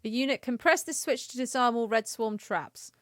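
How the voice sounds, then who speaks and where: A woman with a fairly high, somewhat bright voice chats casually at normal speed while livestreaming a video game, playful and prone to sing-song exclamations. The studio sound is clean with no echo, and faint music plays.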